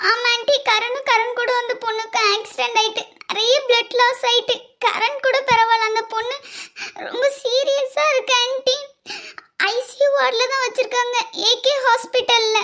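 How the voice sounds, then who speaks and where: A frightened teenage girl, voiced by a woman, pleads down the phone in a cartoon. Her voice is very high and shakes as she speaks. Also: level tone, moderate pace, pushed and bright, exaggerated voice. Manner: trembling, pleading. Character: scared teenage girl calling her aunt. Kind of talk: cartoon voice acting.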